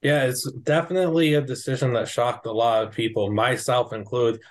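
A man interviewing a football player, reading smooth, prepared questions in an upbeat way. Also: mid-range voice, fairly even intonation, moderate pace. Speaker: sports interviewer.

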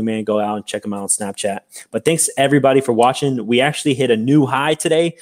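A lower-voiced man hosting a laid-back podcast chat. He rambles, restarts his sentences and fills gaps with "um" as he thanks guests and promotes the show. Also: darkish tone. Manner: rambling with frequent fillers and restarts. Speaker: podcast co-host. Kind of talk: casual chat.

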